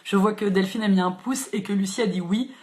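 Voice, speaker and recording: A woman's voice: mid-range voice, a little fast. A woman who hosts a live book chat and talks casually with many fillers and restarts. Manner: chatty, frequent fillers and restarts, laughs easily. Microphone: phone or laptop live stream. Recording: echoey room.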